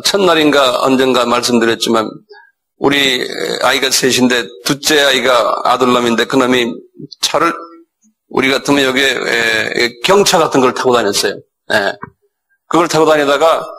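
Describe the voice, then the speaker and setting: A middle-aged man preaching a sermon as pastor, animated and acting out scolding dialogue, often asking his listeners for assent. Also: low-quality recording. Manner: animated, acts out dialogue with sudden raised pitch.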